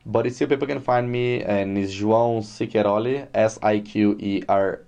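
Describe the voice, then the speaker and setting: Man from Brazil, guest on a podcast, easygoing chat, low pitch, muffled lo-fi sound. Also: normal speed, vocal fry. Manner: relaxed, chatty, many fillers. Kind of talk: casual interview. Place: Dublin.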